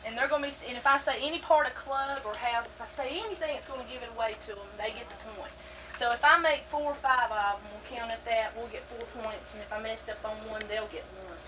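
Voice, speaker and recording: A woman's voice: a little high, steady tone, quick pace, distant mic. A woman explaining game rules at a family holiday party, heard on an old VHS home video recording. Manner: patient, explaining step by step. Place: home living room at a holiday gathering. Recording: hissy VHS tape, voice off-mic.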